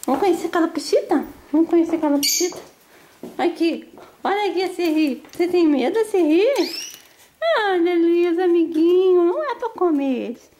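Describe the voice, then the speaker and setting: A woman's voice: very high-pitched, animated, moderate pace, warm tone, slight background noise. A young woman at home, talking baby talk to her new puppy in a cooing, sing-song way. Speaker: pet vlogger. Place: home indoors.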